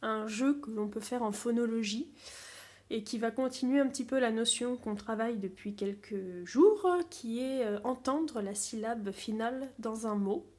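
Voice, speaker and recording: Gentle woman teacher explaining a game. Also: on the high side, normal speed. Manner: calm, simple step-by-step explaining. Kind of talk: classroom game explanation video.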